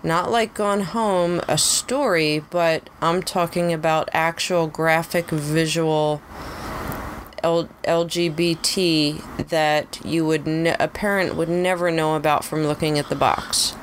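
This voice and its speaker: A woman co-hosting a game review podcast, making her points in a measured, deliberate way. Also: sits low, steady tone, slight background noise. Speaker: podcast co-host. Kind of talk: casual podcast chat.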